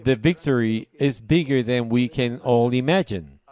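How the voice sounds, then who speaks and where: A man preaches at a church service, reading scripture aloud and unpacking it line by line. His voice sits at a middle pitch, and he speaks in short, emphatic phrases with deliberate pauses. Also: darkish tone. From Puerto Rico. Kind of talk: sermon, reading and explaining scripture.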